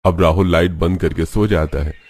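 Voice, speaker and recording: Low-voiced man narrating a cartoon story. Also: moderate pace. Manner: steady, plain storytelling.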